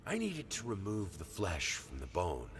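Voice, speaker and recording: A calm creepy painter, real low voice, swings up and down a lot, faint hiss behind. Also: male voice, a little slow, exaggerated voice. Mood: detached. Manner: calm, matter-of-fact recounting of gruesome work. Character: obsessed male painter narrating grim deeds. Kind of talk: game voice acting.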